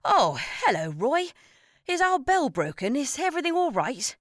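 A polite, flustered father asks worried questions, as a woman reading a storybook puts him on. His lines lift higher and a little louder than the narration. The recording is close and dry. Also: sing-song, normal speed, no echo. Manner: polite, startled. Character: polite, flustered dad, middle-aged man.

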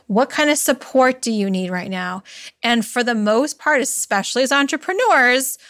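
Solo podcast host, female, animated chatty delivery on a dry close mic, slightly higher voice. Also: no echo. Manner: chatty and emphatic, mimics voices in quoted asides. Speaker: podcast host and business coach. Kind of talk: casual solo podcast monologue.

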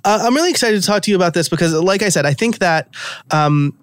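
New York man with a clear, dry voice. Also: high-pitched, expressive, quick pace, no echo. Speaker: podcast host. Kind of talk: casual conversational podcast interview.

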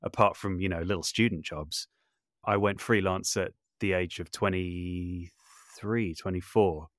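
A composer and voice artist speaks reflectively as a podcast guest, feeling his way through sentences, repeating words and correcting himself. His voice is low and steady at a measured pace, recorded at studio quality with no room sound.

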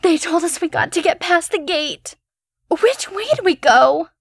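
A woman's voice: very high-pitched, very animated, slow pace, fairly bright tone, pitched above the performer's own voice, heavily acted. A woman voicing a panicked young woman who calls for help while a monster hunts her. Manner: panicked, pleading. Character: terrified young woman caller fleeing a monster.

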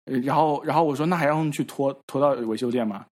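A man on a podcast, casually telling a story in halting repeats and acting out the quoted dialogue. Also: mid-range voice, darkish tone. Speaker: podcast regular. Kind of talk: casual chat.

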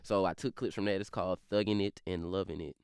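A young man from Baton Rouge with a Louisiana accent, talking fast in a slurred drawl full of fillers as an interview guest. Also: sits low, steady tone, darkish tone, clear, resonant tone, no echo, studio quality. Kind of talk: casual interview talk.

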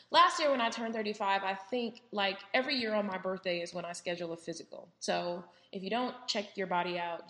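A woman talks through her solo podcast in a candid, conversational way, full of fillers and little asides. Her voice sits at a middle pitch and carries the ring of a roomy, echoing space. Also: a bit bright. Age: 30s. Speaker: podcast host. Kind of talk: casual solo podcast monologue. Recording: roomy echo.

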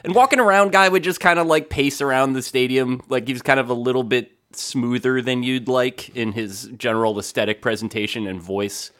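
A man's voice: mid-range voice, brisk, hardly any pauses, fairly bright tone. A man from New Jersey co-hosting a podcast, talking in a dry, understated, wry way. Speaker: podcast co-host. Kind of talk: casual chat.

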